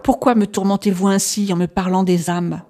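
A woman's voice: medium pitch, flat delivery, moderate pace, dark tone, close to an everyday voice. A woman reading aloud, voicing a volatile male asylum inmate who swings between scorn and pleading. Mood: furious. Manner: erratic, flaring into outbursts then pleading. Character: agitated middle-aged male asylum patient.

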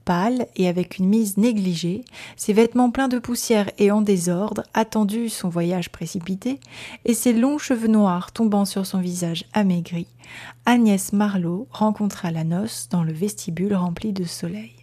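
A woman reads a period novel aloud as an audiobook narrator. Her delivery is measured and expressive. The voice is mellow and warm at a middling pitch. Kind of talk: literary audiobook reading.

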